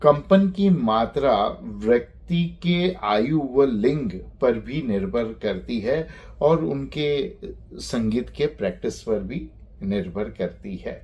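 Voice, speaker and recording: A man teaching a lecture on phonetics, speaking deliberately and spelling out sounds one by one. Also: mid-range voice, animated, darkish tone, dull audio.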